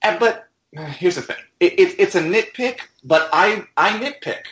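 Man, podcast panelist, casual discussion, halting emphatic delivery, slightly high pitch, echoey room. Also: animated, a bit bright. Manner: halting, repeats words emphatically. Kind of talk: casual opinionated fan discussion.

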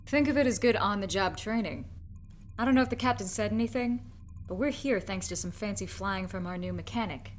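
An actress playing a wry, confident ship's medic in an audio drama, with a dry, teasing manner. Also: female voice, mid-range voice, brisk, over music, natural voice.

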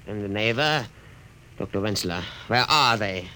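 A man's voice: on the low side, animated, a little slow, sharp tone. An actor playing an anxious, bewildered man demanding answers, in 1950s radio style. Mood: alarmed. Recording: echoing noisy old radio disc.

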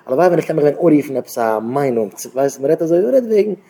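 Mellow-voiced man giving a rambling talk. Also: fairly high pitch, sing-song, rapid-fire, creaky. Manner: conversational, repetitive, with rhetorical questions. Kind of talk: informal Yiddish talk to young married men.

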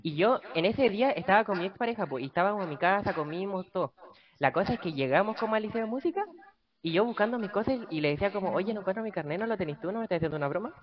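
A young man with a Chilean accent telling a story in casual chat with friends, acting out the dialogue in lively voices. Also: high-pitched, racing, dull audio, crowd noise. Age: young adult. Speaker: podcast guest.

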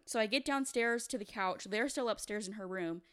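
Young female podcast co-host, smooth voice, animated casual storytelling. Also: mid-range voice, fairly quick. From California. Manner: animated, lots of "like", laughs while telling.

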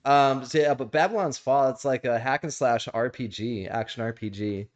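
A man's voice: mid-range voice, normal speed, highs cut off. A man chatting casually on a game podcast, easygoing and chuckling, sometimes fumbling for names. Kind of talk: casual chat.

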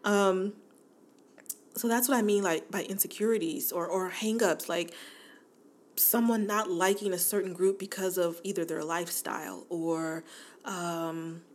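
Casting: woman, 40s, podcast host, warm chatty delivery, slightly low voice, laughs easily. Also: steady tone, a little slow. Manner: chatty, laughs often, addresses listeners as y'all. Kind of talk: casual podcast monologue.

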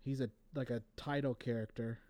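A man co-hosting a casual podcast, reading movie trivia from his notes in a relaxed way with fillers. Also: mid-range voice, moderate pace. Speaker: podcast co-host.

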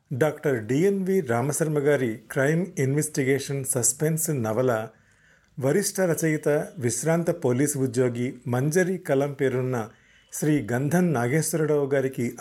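A man with measured, formal narration. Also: mid-range voice, a little mellow. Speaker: storyteller and host. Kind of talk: scripted audiobook narration.

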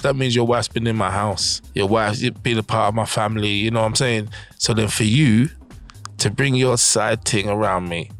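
A man's voice: fairly low pitch, fairly bright tone. A man with a London roadman accent, chatting casually and in slang as a podcast host. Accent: London roadman, Multicultural London English.

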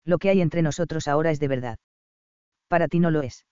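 A man reading the part of a confident, tender and possessive lover, speaking low and intimately. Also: fairly quick, a little mellow, smooth, no echo, natural voice. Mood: tierno, firme. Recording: dull, dry audiobook recording.

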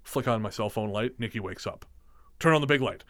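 A man's voice: on the low side, brisk, fairly bright tone. Dry, sardonic male podcast host. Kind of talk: casual chat.

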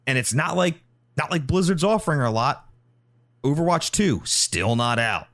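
A man co-hosting a gaming podcast in casual chat, his pitch swinging widely as he rants with indignation and swears freely. The sound is dry and close, with no room echo. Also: expressive, unhurried, a bit bright. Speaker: podcast co-host.

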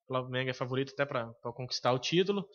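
A man with a Brazilian Portuguese accent, co-hosting a podcast in casual sports chat, opinionated and hesitant with frequent filler pauses. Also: mid-range voice, fairly bright tone, highs cut off. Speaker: podcast co-host.

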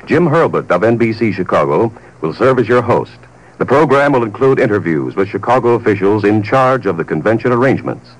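A man's voice: lowish voice, very animated, fairly quick, low-quality recording. A man announcing an upcoming program in formal, polished 1940s radio style.

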